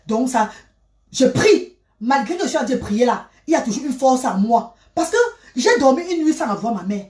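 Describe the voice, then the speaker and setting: A woman tells her story dramatically, repeating herself and swinging from loud to hushed. Her voice sits fairly high and sounds roomy, recorded from a little way off the mic. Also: lively intonation, normal speed. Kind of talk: emotional personal storytelling. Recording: roomy, from a distance.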